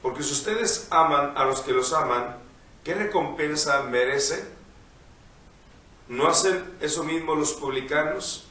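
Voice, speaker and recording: A priest reading the gospel and preaching in a measured, solemn way, his voice ringing with heavy cathedral-like church echo. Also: fairly high pitch, sharp tone. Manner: measured, solemn liturgical delivery. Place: large church. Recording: heavy echo, distant mic, faint noise.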